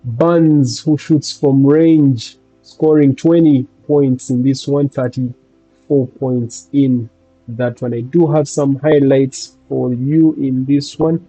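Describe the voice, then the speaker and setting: A man hosting a fantasy basketball video, recapping games and stats in a halting casual way with many fillers. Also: medium pitch, fairly even intonation, mellow, husky, soft background music, poor audio. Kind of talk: casual recap over game highlights.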